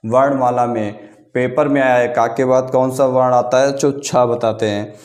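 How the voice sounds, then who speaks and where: Flat, dark-voiced male teacher. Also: mid-range voice. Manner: repeats key terms slowly, asks and answers his own questions. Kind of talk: exam-prep grammar lesson. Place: room, writing on paper.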